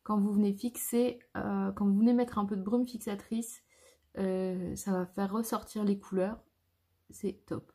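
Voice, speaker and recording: A woman's voice: mid-range voice, steady tone, normal speed, dark tone, breathy edge. A woman, a makeup artist talking viewers through a makeup tutorial step by step in a chatty way. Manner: chatty, shows each step.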